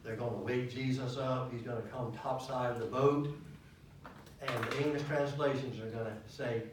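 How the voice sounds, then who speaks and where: A man leading a church Bible study, animated and asking his listeners questions as he teaches. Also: medium pitch, moderate pace, noisy background. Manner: animated, asks questions of the class. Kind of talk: teaching sermon. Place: church hall. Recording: echoey hall, mic at a distance.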